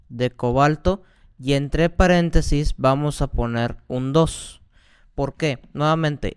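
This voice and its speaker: Guy teaching chem, patient, kinda high voice, super clear. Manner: patient, repeats key points, asks rhetorical questions. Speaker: chemistry teacher. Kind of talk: explaining exercises step by step.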